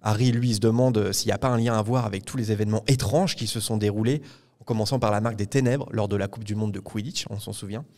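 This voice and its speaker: A man's voice: fairly low pitch, steady tone, fast, a little mellow. A man hosting a podcast recorded live at a public event, retelling a book chapter at length with frequent hesitations. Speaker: podcast host. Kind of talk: casual book discussion before a live audience.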